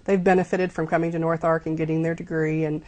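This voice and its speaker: Soft-spoken woman. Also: low-pitched, level tone. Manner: measured, with frequent ums. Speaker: college athletic director and coach. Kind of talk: interview guest.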